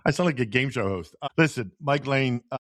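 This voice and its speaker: A man's voice: mid-range voice, animated, a little fast, a bit bright, no echo, clean studio sound. A man hosting an interview podcast in an upbeat, playful way. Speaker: podcast host.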